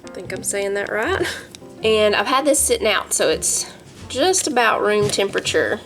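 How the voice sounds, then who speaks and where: A woman's voice: mid-range voice, very animated, moderate pace, a bit bright, faint music behind. A woman with a Southern US accent, chatting homily through her garden and kitchen in a casual vlog, laughing easily as she goes. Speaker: home cook and gardener, channel host.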